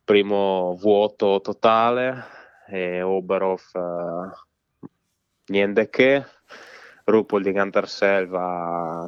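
A young man with a Trentino accent from northern Italy gives a casual interview over a slightly dull phone line. His voice is lowish and clear, and he searches for words unhurriedly. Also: no room sound. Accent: northern Italian, Trentino. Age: 20s. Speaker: biathlete being interviewed. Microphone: telephone. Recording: slightly dull telephone connection.

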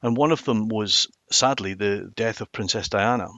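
A mature man with a Highland Scottish accent, telling stories reflectively and emphatically in a conversational interview. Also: moderate pace, fairly bright tone, no room sound, highs cut off. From Inverness, Highlands of Scotland. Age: middle-aged or older. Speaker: interview guest, former television journalist.

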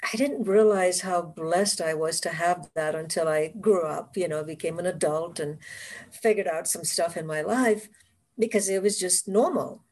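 A woman's voice: lowish voice, normal speed. A woman from the Caribbean with a West Indian accent, the guest author on a video call, telling stories from her childhood with frequent laughs. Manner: warm storytelling, laughs often. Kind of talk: casual interview conversation.

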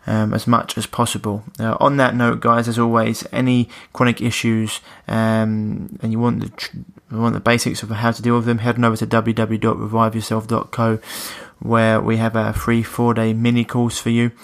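A man's voice: fairly low pitch, completely flat delivery, moderate pace, creaky, few pauses. A man with an Essex accent hosting a podcast in a casual, matey way, often stumbling over his words. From Essex, England. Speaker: podcast host. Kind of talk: casual podcast intro and interview chat.

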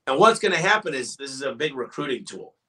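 A man's voice: mid-range voice, sing-song, fast, pushed and bright, distant mic. A man, a business owner guest on a podcast, talking in an emphatic, motivational way and telling stories. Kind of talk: podcast interview.

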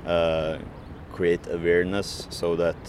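Giving interview answers, a striking food courier with a very low, level voice speaks slowly and hesitantly, pausing often on fillers and restarting sentences. Traffic and street noise are clearly audible behind him.

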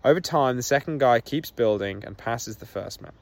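With a mid-range, slightly mellow voice and lively intonation, a man talks at normal speed during a candid solo podcast he hosts while walking outdoors. He's emotional and open, filling his speech with lots of "like."

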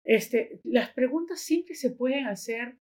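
A woman's voice: on the high side, takes it slowly. A woman, a guest on a podcast, chatting casually and telling stories while tagging her sentences with little questioning asides. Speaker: guest, educator and activist.

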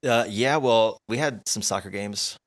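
A man with a low voice co-hosting a podcast, giving flat, matter-of-fact answers with a deadpan edge. The recording is dry and close-miked, with no room sound. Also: unhurried, no echo. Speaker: podcast co-host. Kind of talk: casual chat.

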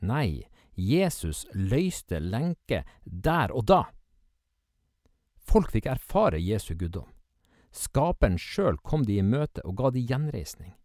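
A man's voice: lowish voice, big pitch swings, darkish tone, no room sound, studio quality. A man preaching a sermon, reading scripture and speaking in an earnest, emphatic way.

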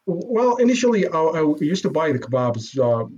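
Iraqi-born guy, guest on a chat, slightly high voice, lots of ums and restarts, modest. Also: big pitch swings, darkish tone, breathy edge, lo-fi sound. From Iraq. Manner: halting, many fillers and restarts, modest. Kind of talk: casual interview.

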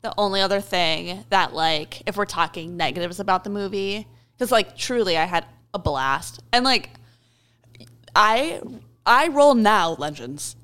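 A woman chats casually as a film show co-host. Her voice sits at an average pitch, and she speaks in colloquial, emphatic bursts full of exclamation. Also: unhurried, fairly bright tone, smooth.

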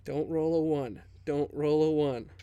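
A man's voice: a little high, fairly even intonation, a little slow, warm tone, clean tone. A man playing a tabletop role-playing game, joking around and putting on voices for his character. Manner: joking, playful, puts on voices. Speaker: player.

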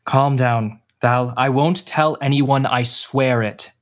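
A gentle uncle, voiced by a man in an audio drama. He talks slowly, in a middle-range voice with an even, measured delivery. His manner is calm and reassuring. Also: mid-range voice, lightly acted. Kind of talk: student radio drama acting.

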